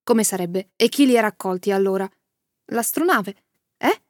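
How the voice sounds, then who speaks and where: A cool young woman pilot from a storybook reading answers calmly and offhandedly, as voiced by a woman reader. Her mid-pitched voice sounds dry and close. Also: moderate pace, no echo, natural voice. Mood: offhand.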